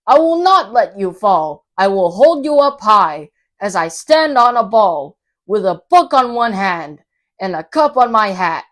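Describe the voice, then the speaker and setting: A woman's voice: mid-range voice, very animated, unhurried, a bit bright. A woman voicing a mischievous, boastful male cat in a children's storybook, cheerful and showy as he declaims in rhyme. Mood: showy, reassuring.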